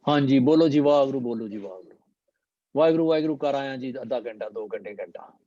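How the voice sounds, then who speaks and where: A man teaching and explaining scripture in a slow, deliberate manner, slipping English phrases into his talk. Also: medium pitch, dark tone, no echo, lo-fi sound. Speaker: Gurbani teacher.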